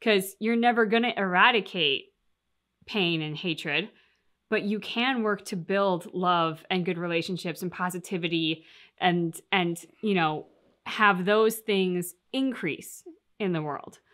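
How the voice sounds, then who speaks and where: Reflecting at length on a video game's plot, a reaction channel co-host chats casually with a fairly low, slightly bright voice at a measured pace.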